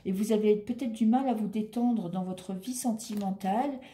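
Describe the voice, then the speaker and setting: Mellow-voiced woman reading tarot. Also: medium pitch, moderate pace, echoey room, slight background noise. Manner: chatty and reassuring, thinking aloud over cards. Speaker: tarot reader. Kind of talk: casual tarot reading monologue.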